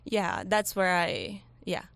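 A woman's voice: on the low side, very animated, slow, creaky, a bit bright, dry recording. A woman, a student guest on a radio show, giving brief, easygoing answers. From Venezuela. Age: 20s. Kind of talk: casual interview answers.

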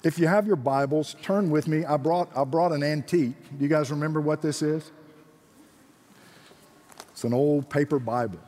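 Southern preacher from Georgia in an echoey hall. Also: male voice, fairly high pitch, moderate pace, long pauses, a little mellow. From Georgia, United States. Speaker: guest missionary speaker. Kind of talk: sermon to students with scripture readings. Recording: echoey hall with long reverb.

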